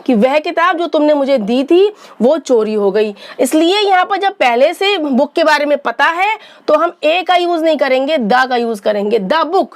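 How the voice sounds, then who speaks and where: High-voiced woman teaching grammar. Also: animated, a little slow, hardly any pauses. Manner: patient, repeats points, asks and answers own questions. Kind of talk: explanatory lesson.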